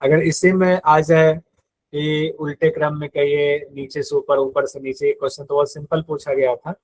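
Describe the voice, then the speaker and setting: A man's voice: on the high side, level tone, moderate pace, darkish tone, no room sound, rough recording. Male yoga teacher repeating key terms. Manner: explains step by step, repeats key terms, quizzes students. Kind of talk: live online exam-prep class.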